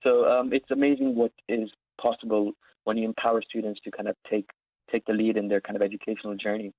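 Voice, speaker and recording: Speaking over a narrow, phone-like live call line, the young Saudi founder of an education platform handles interview questions in a casual, explanatory way. His voice sits on the low side, delivered flatly and quickly with no room sound.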